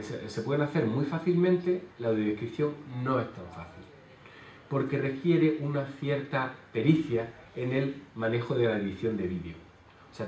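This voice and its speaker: Male lecturer, halting explanatory delivery, distant mic in a reverberant hall, faint background noise. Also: medium pitch, a little mellow. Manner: explanatory, many hesitation fillers. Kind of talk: conference talk. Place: conference hall. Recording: roomy hall sound from far off.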